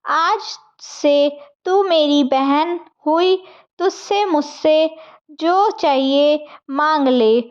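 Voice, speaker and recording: A woman's voice: high voice, extremely slow, highs cut off. Woman reading as a stern male serpent.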